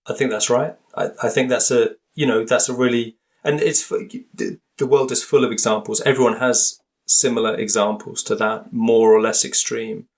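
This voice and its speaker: A man appearing as a guest linguist in an interview speaks at a normal speed with a medium pitch, a steady tone, and hardly any pauses. Still, he's thoughtful and hesitant, often restarting sentences, using many fillers, and searching for words.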